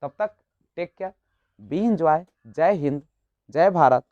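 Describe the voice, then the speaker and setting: A man's voice: on the high side, takes it slowly, a little mellow, dry recording. Guy teaching a prep class, asks questions then answers them, muffled lo-fi mic. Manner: explanatory, rhetorical questions, frequent tag "nahin". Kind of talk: exam-prep lecture. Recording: dull lo-fi, dry.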